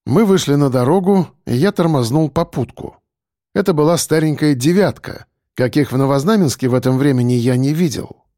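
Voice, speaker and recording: A man reading an audiobook aloud as its first-person narrator, with an expressive storytelling delivery. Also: a little high, brisk, no room sound, studio quality.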